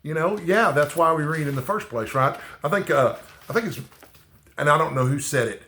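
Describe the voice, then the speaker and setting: With a slight Texan accent, the booktuber talks casually to camera in a rambling way, restarting in halting fashion and tacking on "okay?" often. His voice is fairly high, bright, and forceful, with lively intonation, recorded in an echoey room.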